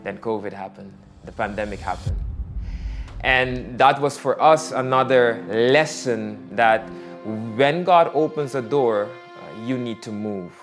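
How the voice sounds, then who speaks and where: Reflective man, soft music under. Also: mid-range voice. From Netherlands. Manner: reflective, halting with frequent fillers. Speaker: missionary. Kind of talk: personal faith testimony.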